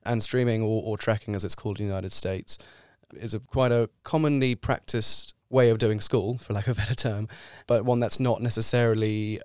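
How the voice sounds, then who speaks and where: A young man from France, a guest researcher in a podcast interview, explaining at length in a measured way with small restarts. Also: lowish voice, fairly even intonation, smooth, dry recording, clean studio sound. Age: young adult.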